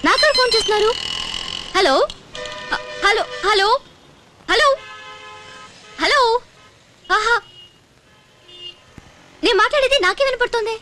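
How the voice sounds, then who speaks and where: A woman's voice: very high voice, animated, takes it slowly, long pauses, bright, forceful tone, soft background music, heavily acted. An actress playing a bubbly, stubborn young girlfriend, playful and insistent.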